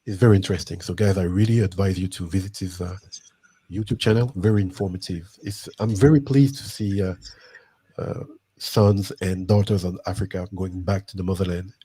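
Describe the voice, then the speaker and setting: A man's voice: sits low, fairly even intonation, brisk, mellow, breathy edge. A man from Guadeloupe hosting a live online show, talking casually and eagerly, often repeating himself as he urges viewers on. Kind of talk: live stream chat.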